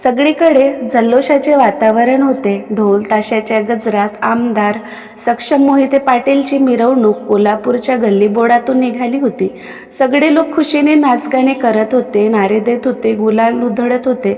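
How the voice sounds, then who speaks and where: Storyteller: woman, fairly high voice, expressive story reading, reverberant recording. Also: moderate pace. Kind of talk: story narration.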